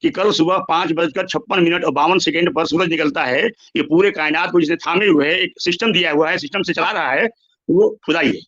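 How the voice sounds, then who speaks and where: A man's voice: a little high, a little fast, fairly bright tone, no room sound, highs cut off. A man in a heated online debate, speaking into a phone, stubborn and repeating himself. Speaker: debate participant.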